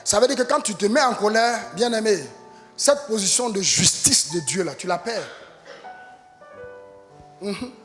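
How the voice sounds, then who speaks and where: Male pastor, fiery shouting sermon, high pitch, long church reverb. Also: animated, measured pace, long pauses, faint music behind. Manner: impassioned preaching, rising to shouts.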